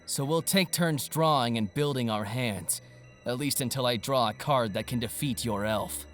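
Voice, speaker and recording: Smug and scheming, a young male card-game villain gloats and taunts in an anime-style audio drama, his actor veering from sly murmurs to shouting in an arrogant, theatrical performance. The voice is mid-range at a moderate pace, lightly acted, with soft background music.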